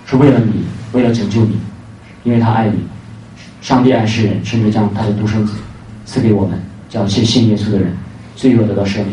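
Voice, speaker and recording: A man's voice: mid-range voice, dark tone. A man delivers an evangelistic sermon, leaning hard on his points and repeating key lines. His voice rings through a reverberant church hall, picked up from some distance away, with faint noise underneath. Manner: emphatic, repeats key phrases, fillers between points. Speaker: preacher.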